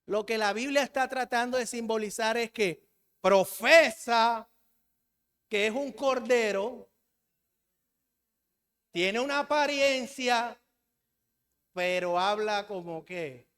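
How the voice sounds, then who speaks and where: A man's voice: very high-pitched, slow pace, pauses often, a bit bright, clear, resonant tone, big-room sound. A Colombian man preaching a sermon in a church, asking the congregation questions and having them call back the answers.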